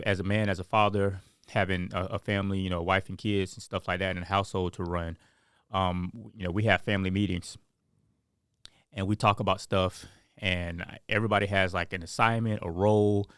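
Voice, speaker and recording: A man's voice: deep voice, level tone, moderate pace, fairly bright tone, smooth, dry recording, studio quality. A man co-hosting a podcast in casual chat, rambling and filling his talk with "like" and "um". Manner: rambling, heavy on fillers like "like" and "um". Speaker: podcast co-host.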